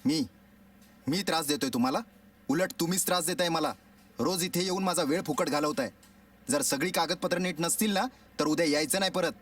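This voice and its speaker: An actor plays a dismissive male official who snaps orders at a pleading old man. His voice sits fairly high and sounds dry and distant, with music running behind it. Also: a little fast, no echo, close to an everyday voice. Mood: curt. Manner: curt, bureaucratic. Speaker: office clerk. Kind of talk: film acting. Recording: distant mic with background music.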